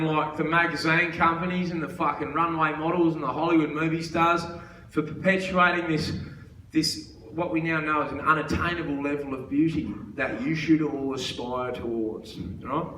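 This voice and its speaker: A man's voice: a little high, moderate pace, bright, forceful tone. A man with an Australian accent doing a live stand-up set on a theatre stage, ranting profanely. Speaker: stand-up comedian. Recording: echoey theatre, distant mic, crowd noise.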